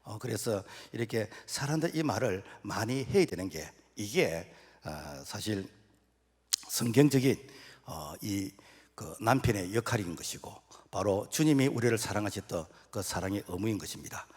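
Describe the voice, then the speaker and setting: Husky pastor preaching, folksy stories, shouts now and then, big echoey church. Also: male voice, fairly low pitch, lively intonation, moderate pace. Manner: folksy storytelling with acted-out dialogue and sudden shouts. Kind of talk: sermon. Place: church sanctuary. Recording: long hall reverb.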